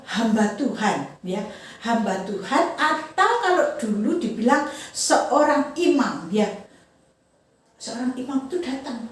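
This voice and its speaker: Animated high-voiced woman telling a story. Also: slight background noise. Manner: animated, often asking children "ya". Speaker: Sunday school teacher. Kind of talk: storytelling to children. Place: church room. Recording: echoey room, far from mic.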